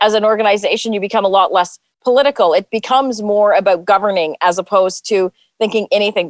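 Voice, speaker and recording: A woman's voice: mid-range voice, no room sound. Female panelist, easygoing, hedging delivery, dry recording. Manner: conversational, hedging with "I think". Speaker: political panelist. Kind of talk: casual panel chat.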